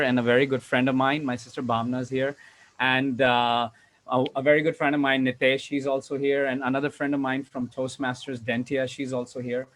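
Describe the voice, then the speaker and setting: This Hong Kong public speaking coach and trainer offers the online group an eager, heartfelt account of his own experience. His voice is medium-pitched and a touch bright, heard over a noisy video call whose level rises and falls.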